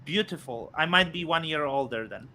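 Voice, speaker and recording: A man in his thirties hosting a casual crypto chat, halting with many fillers and restarts. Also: on the high side, animated, bright, forceful tone, slight background noise. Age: 30s. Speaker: host.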